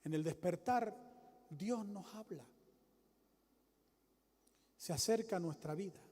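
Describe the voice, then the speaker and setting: A man preaching a sermon with emphatic, repetitive lines that rise to loud exclamations and drop low again. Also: slow, slightly rough, long reverb tail.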